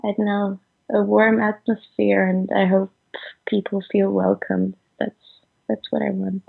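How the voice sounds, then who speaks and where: A woman in her twenties from Sweden, a musician answering interview questions over the phone in a halting way, full of fillers and trailing off. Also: medium pitch, little pitch movement, gravelly, slightly rough. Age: 20s. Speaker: musician guest. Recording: tinny phone line.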